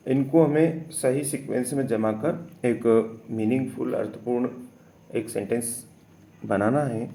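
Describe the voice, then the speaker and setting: A man teaching, slowly and patiently explaining English test answers step by step, with frequent fillers. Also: medium pitch, mellow.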